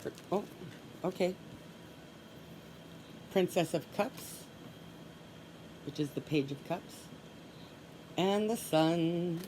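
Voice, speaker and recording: A woman reads tarot alone, slowly and with long pauses, her low voice thick with congestion. She calmly murmurs the same soft requests while drawing cards. The audio is poor, with a steady hiss throughout.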